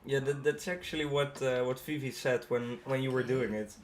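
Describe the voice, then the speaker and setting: A man's voice: medium pitch, fairly even intonation, moderate pace, slight background noise. Laid-back co-commentator man. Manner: laughs along, short replies. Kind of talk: casual live commentary.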